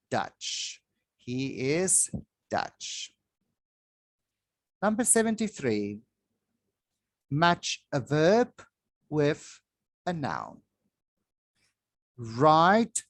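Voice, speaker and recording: A man teaching English to children, reading a grammar worksheet aloud slowly with long pauses, recorded on a phone over a desk. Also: fairly high pitch, a bit bright, dry recording. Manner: slow, drawn-out reading with pauses. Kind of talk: slow worksheet walkthrough for children. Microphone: phone filming a worksheet from above.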